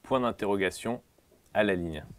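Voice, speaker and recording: A man playing an examiner in a comic dictation sketch, slow and solemn, repeating every phrase and speaking out the punctuation. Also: on the low side, dry recording.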